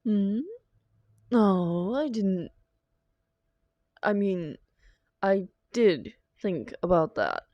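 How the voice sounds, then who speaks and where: A woman plays a doting, defensive supervillain lover in an intimate roleplay audio drama, theatrically coaxing with endearments and dramatic pauses. Her mid-range voice is animated, and her mood is evasive and justifying. The sound is lo-fi, with no room sound.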